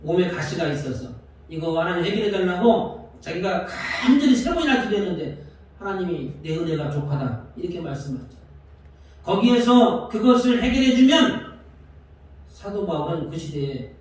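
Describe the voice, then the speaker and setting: A man's voice: high-pitched, big pitch swings, normal speed, darkish tone, very echoey, recorded from a distance, low-quality recording. A male pastor preaching a sermon in a church, putting questions to the congregation and acting out prayers as he goes. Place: church sanctuary.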